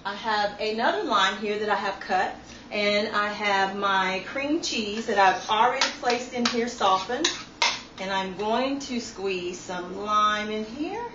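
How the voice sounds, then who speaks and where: A woman's voice: medium pitch, slow pace, roomy sound, dull audio, heavy background noise. A woman demonstrating a recipe in her home kitchen, chatty and instructive, recorded on a phone camera from a distance. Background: clattering dishes and cutlery.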